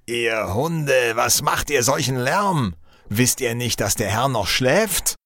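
A man's voice: fairly low pitch, lively intonation, measured pace, no echo, clean studio sound. A man voicing a stern male palace overseer who scolds the crowd, in a storybook reading.

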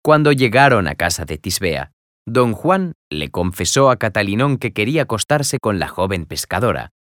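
A man narrating a classic play in an expressive storytelling reading. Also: on the low side, normal speed, dry recording, clean studio sound.

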